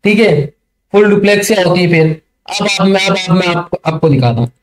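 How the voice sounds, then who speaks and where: A man teaching a networking lesson over a screen share, chatty and often checking that listeners follow, reading English passages slowly and haltingly. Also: high voice, a crowd in the background. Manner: chatty, keeps checking understanding. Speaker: networking tutor.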